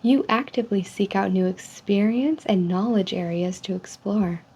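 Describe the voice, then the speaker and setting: A woman speaking softly in an ASMR role-play, reading survey statements in a polite, measured customer service manner. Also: mid-range voice, husky. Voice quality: soft, hushed. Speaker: ASMR role-player as call center agent giving a personality survey. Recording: dull lo-fi sound with faint noise.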